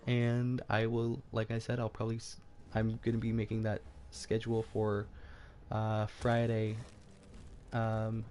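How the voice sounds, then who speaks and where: A man's voice: lowish voice, a little mellow, slight background noise. A man giving casual video game commentary, rambling along and often stumbling and repeating himself. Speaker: gaming YouTuber.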